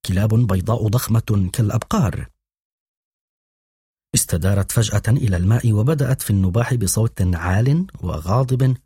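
A man reading a children's novel aloud as an audiobook narrator, in a measured storytelling manner. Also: lowish voice, mellow, slightly rough, dry recording, clean studio sound. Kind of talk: scripted narration.

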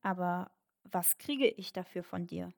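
A woman voicing an insistent, wheedling male frog in a fairy tale, reading at a slow pace with her voice lifted. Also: lowish voice, creaky, darkish tone. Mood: coaxing. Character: pleading pushy male frog by a well. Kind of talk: storybook reading.

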